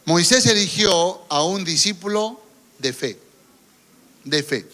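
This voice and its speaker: A man's voice: sits high, lively intonation, slow, bright, forceful tone. A pastor preaching a sermon, often turning to the congregation with rhetorical questions and stories from his own ministry.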